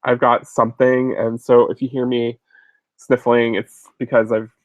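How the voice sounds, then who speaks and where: Somewhat under the weather and sniffling, this thirtysomething host chats casually through viewer questions, rambling with plenty of fillers and false starts. He speaks at a moderate pace in a medium, level voice, captured dry with the highs cut off.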